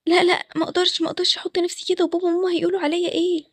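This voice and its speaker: Egyptian girl doing a jittery young best friend, high and fast, dry close mic. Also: little pitch movement, no echo. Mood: worried. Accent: Egyptian Arabic. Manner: hesitant, worried questions. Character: loyal young woman friend, nervous and hesitant.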